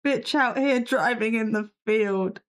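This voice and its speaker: A woman with a fairly high voice speaks slowly while hosting a live stream, reacting to videos. Her commentary is sassy and skeptical, she swears casually, and her voice is giving out.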